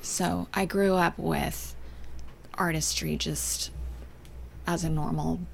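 A young adult woman from Canada and Northern California, chatting as an interview guest, soft-spoken and often trailing off into near-whispers. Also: sits low, fairly even intonation, takes it slowly, creaky, a little hiss or hum. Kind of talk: casual interview chat.

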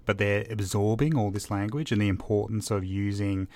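A man co-hosts a podcast in a casual, emphatic way. His voice is gravelly with a lowish pitch, and he speaks with passionate conviction. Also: steady tone, normal speed, a little mellow, dry recording. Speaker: podcast co-host.

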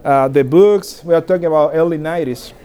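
A man's voice: a little high, fairly quick, clear, resonant tone. A man in his forties from the Dominican Republic, giving an informal talk to pastors with frequent restarts and light laughter. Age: 40s. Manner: warm, self-deprecating, laughs often, frequent restarts. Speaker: pastor speaking to church leaders.

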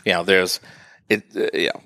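Low-voiced man explaining the housing market. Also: fairly even intonation, normal speed, pushed and bright, dry recording, studio quality. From northeastern Massachusetts. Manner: explains at length, acts out what buyers say. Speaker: real estate guest. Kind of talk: casual interview talk.

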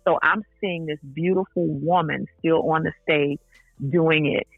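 A woman's voice: deep voice, steady tone, unhurried, gravelly, dry recording, faint music behind. A woman singer speaking as an interview guest, earnest and enthusiastic. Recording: tinny phone line.

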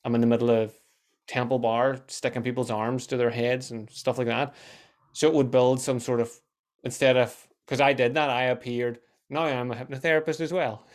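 A man with a medium-pitched voice hosts a podcast in a casual, conversational way. He is chatty and slips into imagined quotes to make his points. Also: flat delivery, moderate pace. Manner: chatty, acts out imagined dialogue. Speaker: podcast host, hypnotherapist.

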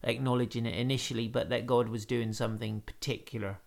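A man's voice: mid-range voice, level tone, fast talker, creaky. Affirming man reminiscing about a friendship. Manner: affirming, encouraging. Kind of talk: casual faith conversation.

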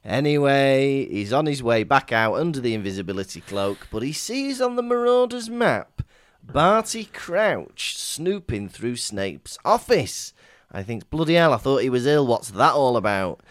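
A man's voice: fairly high pitch, smooth, no room sound, studio quality. A man co-hosting a comic podcast, recapping a book chapter with casual swearing and jokes. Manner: swears casually, jokey, drops fillers. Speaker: podcast co-host.

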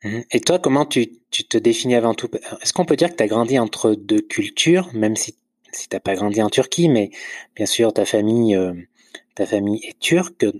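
A man's voice: fairly low pitch, animated, normal speed, darkish tone, no room sound. Probing male interviewer, dry close sound. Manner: probing, restates and rephrases questions. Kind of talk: casual conversational interview.

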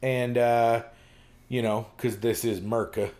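A man's voice: medium pitch, flat delivery, takes it slowly, darkish tone. A man co-hosting a podcast in casual chat, rambling with lots of fillers and restarts. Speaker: podcast co-host.

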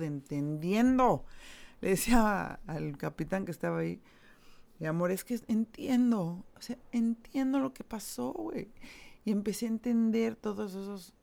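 A woman's voice: low voice, vocal fry, dark tone. A middle-aged woman with a Mexican accent telling a personal story in casual, slangy talk, swearing freely and speaking with open emotion.

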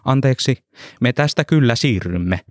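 A man's voice: medium pitch, expressive, a little mellow, no echo, studio quality, voice pushed up, close to an everyday voice. A man voicing a polite, mild-mannered man who gives short, hesitant replies.

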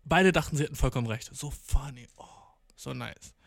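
A young male storyteller with a mid-range, creaky voice talks fairly quickly, captured cleanly in a studio with no echo. His anecdote is casual and slangy, packed with swearing and "ne?" tags, and he acts out each person he quotes.

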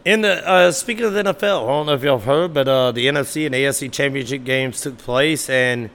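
A man's voice: mid-range voice, quick pace, fairly bright tone. A man hosting a solo sports podcast, talking casually and animatedly, sometimes arguing back at imagined listeners. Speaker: podcast host.

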